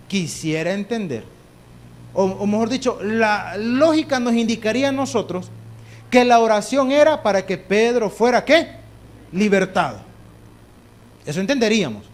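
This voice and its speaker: A man's voice: sits high, animated, unhurried, long pauses. A man preaching a Bible study with a Salvadoran Spanish accent, emphatic, asking rhetorical questions and swinging his voice up and down. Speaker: pastor. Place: church.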